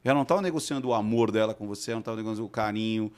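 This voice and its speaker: A man's voice: lowish voice, very fast, darkish tone. Expert guy on a podcast, explains stuff like a teacher, keeps asking if you got it. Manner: didactic, checks understanding often. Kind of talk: explanatory conversation.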